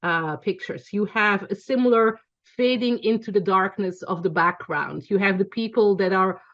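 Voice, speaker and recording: A woman in her forties with a Belgian accent speaks in a mid-range, slightly bright voice at normal speed, though the video call audio sounds dull. She's teaching an online class in a chatty style, frequently pausing on um and correcting herself.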